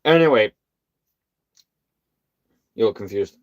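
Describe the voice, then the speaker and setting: A man from the UK with a British accent, hosting a casual livestream in a calm, soothing voice and a rambling, chatty, self-deprecating manner. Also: lowish voice, slow, lo-fi sound. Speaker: host.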